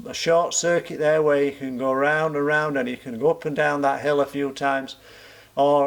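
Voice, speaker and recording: A man's voice: a little high, gravelly. A man talking informally to camera as a coach in an instructional vlog, posing questions and answering them himself as he explains. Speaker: running coach and club vlog host.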